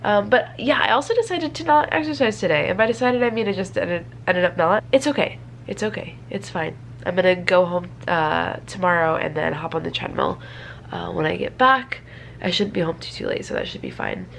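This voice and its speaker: A congested woman in her twenties, fighting a cold, rambles to camera in a small bedroom, casual and self-deprecating. Her fairly low, creaky voice swings widely in pitch and moves fairly quickly, with faint room noise behind.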